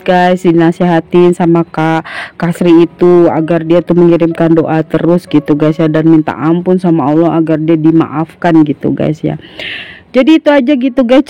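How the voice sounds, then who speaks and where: Chatty high-voiced man telling a ghost story. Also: mellow, clean tone, lo-fi sound. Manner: chatty, says guys and gitu constantly. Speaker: horror story narrator. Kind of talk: casual horror storytelling.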